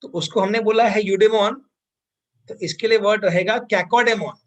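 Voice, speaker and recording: A man's voice: high voice, fairly even intonation, measured pace. A man with an Indian accent teaching vocabulary in an online class, switching between Hindi and English and repeating words.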